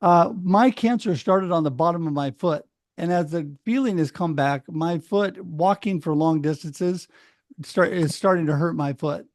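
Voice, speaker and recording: A middle-aged man from Oregon talks casually on a video call, telling his story with animated energy and acting out other people's words. His voice sits fairly high. The sound is dry and close, with no room echo. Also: normal speed. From Oregon, United States. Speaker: speaker sharing his story.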